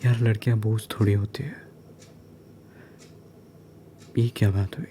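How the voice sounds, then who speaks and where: A man doing a whispered role-play as a caring neighbour, soothing and gentle, mixing English phrases into his Hindi. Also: on the low side, a little hiss or hum. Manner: soft, soothing, slow. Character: caring male neighbour comforting a crying woman. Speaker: ASMR role-play creator.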